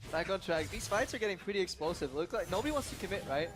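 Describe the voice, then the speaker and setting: A man's voice: high voice, expressive, fast talker. A man giving analytical color commentary on a live video game match. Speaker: esports analyst. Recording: commentary over game music.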